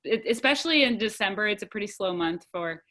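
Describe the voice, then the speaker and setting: A woman's voice: medium pitch, expressive, brisk, bright, forceful tone. A woman in her twenties, a guest in a casual interview, chatty and upbeat with many fillers. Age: 20s.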